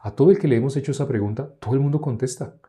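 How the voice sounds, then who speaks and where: A male preacher delivers a teaching sermon in a conversational way, acting out back-and-forth exchanges with the people he addresses. His mellow, mid-range voice moves at a rapid-fire clip.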